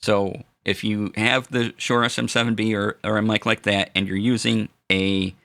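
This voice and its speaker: Speaking into a studio dynamic mic, a low-voiced man gives a casual, stop-and-start rundown of audio gear for a live stream. Fillers and restarts are everywhere, and he warmly acknowledges the people in chat.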